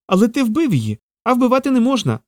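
A man voicing an excitable young female squirrel in a storybook, with a shrill, squealing voice. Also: fast, no room sound, clean studio sound, exaggerated voice. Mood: horrified.

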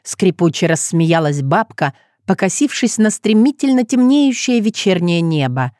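A woman reading a story aloud as narrator in an expressive storytelling manner. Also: fairly low pitch, moderate pace, no room sound, clean studio sound. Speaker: audiobook narrator. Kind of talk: scripted narration.

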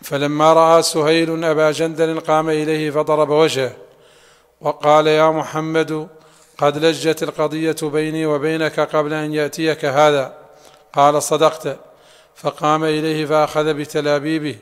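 A man reading a classical text aloud to a sheikh in a steady, even recitation. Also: on the high side, normal speed, clear, resonant tone. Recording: long hall reverb.

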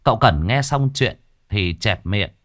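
A man's voice: lowish voice, measured pace, dry recording, clean studio sound. A man narrating a horror story in a scripted, dramatic way. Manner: expressive, dramatic.

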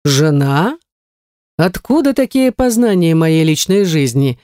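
A woman reading puts on a huge male dark god in a storybook. He speaks slowly, low and dark, with a menacing, mocking edge. The sound is close and dry. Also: no room sound.

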